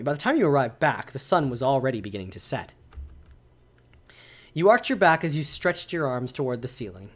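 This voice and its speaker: A male streamer reading a visual novel aloud, reacting animatedly to its choices. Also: mid-range voice.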